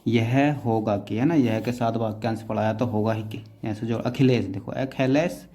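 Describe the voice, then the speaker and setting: A man teaching shorthand in a class, explaining each outline step by step and often checking in with quick tag questions. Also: fairly low pitch, fairly even intonation, mellow. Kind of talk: classroom explanation while writing.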